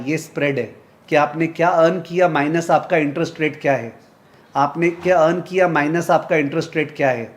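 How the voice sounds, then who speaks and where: A man giving a live finance lecture, drilling sums aloud in a repeated rhythm and teasing students by name. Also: a little high. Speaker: finance teacher.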